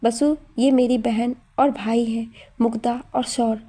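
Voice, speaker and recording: A woman voicing a caring young woman of the household in a story, speaking gently and affectionately. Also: a little high, steady tone, measured pace.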